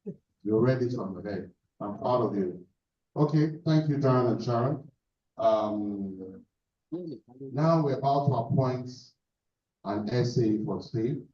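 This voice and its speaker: A man's voice: medium pitch, takes it slowly, pauses often. A man with a Nigerian accent hosting a club breakfast meeting, giving jovial, directive cues. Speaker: meeting host. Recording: echoey hall, distant mic, dull sound.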